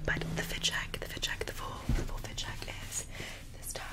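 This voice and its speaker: A young woman whispers ASMR close to the microphone. Her delivery is fast and aggressive, looping short phrases in quick, breathy repetitions. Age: 20s. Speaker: ASMR host. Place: small bedroom indoors. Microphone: close desktop condenser microphone.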